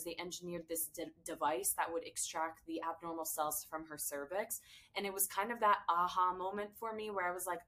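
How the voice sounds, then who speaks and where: Young woman from the US, interview guest, earnest storytelling, somewhat low pitch. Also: a bit bright. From United States. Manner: earnest, conversational, some fillers. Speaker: podcast guest, founder.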